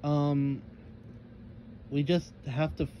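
A man's voice: a little high, little pitch movement, takes it slowly, dark tone, a little hiss or hum, voice pushed up. A man voicing a bossy, upbeat young girl who talks insistently.

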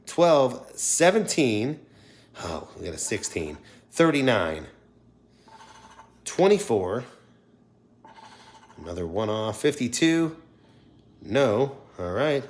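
Scratching lottery tickets at an indoor wooden table, this middle-aged livestream host keeps up relaxed, chatty commentary for his audience. He speaks slowly in a sing-song, medium-pitched voice, pausing often.

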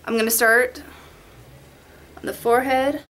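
The voice is fairly high, steady, a little slow, and fairly bright. It belongs to a chatty young beauty vlogger from Las Vegas who rambles through a makeup tutorial, facing a webcam in her bedroom at home.

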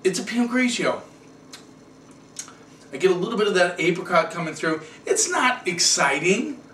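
A middle-aged American man with a high, expressive, fairly bright voice talks at normal speed while hosting a casual wine review show. He chats to camera in a small indoor room, drifting into rambling asides, and the distant mic gives a roomy sound with slight noise.

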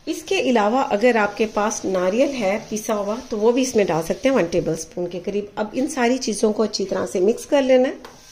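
Calm woman teaching a recipe. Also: medium pitch, brisk, slight background noise, rough recording. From Pakistan. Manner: calm, methodical, checks in with "ठीक है". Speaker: cooking show host. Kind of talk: step-by-step recipe instruction. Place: home kitchen. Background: frying and stirring sounds.

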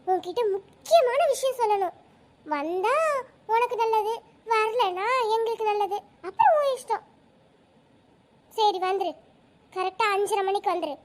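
A woman's voice: extremely high pitch, animated, a little slow, long pauses, darkish tone. A woman voicing a sly young wife. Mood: scheming. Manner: sweet on the surface, sly. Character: scheming young wife, sweet-talking and sly. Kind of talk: cartoon voice acting.

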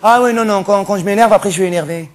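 A man's voice: high voice, noisy background, lightly acted. A man camping it up as a touchy drag cabaret dancer. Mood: camp chatty. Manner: camp, theatrical, quick to snap at hecklers. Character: flamboyant cross-dressing male cabaret dancer, touchy. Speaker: stand-up comedian in character. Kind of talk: stand-up character monologue. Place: theatre stage.

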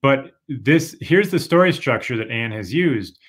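This writing instructor is a young man co-teaching a workshop online via webcam from a room at home. His medium-pitched voice is lively in intonation, fairly bright with a breathy edge, and measured in pace as he explains patiently, hedging with "sort of" and "kind of."

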